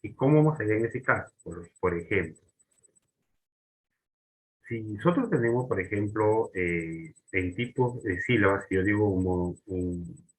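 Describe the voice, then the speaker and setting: A man's voice: fairly low pitch, lively intonation, measured pace, low-quality recording. A man teaching a grammar lesson, often restarting and checking in with short questions.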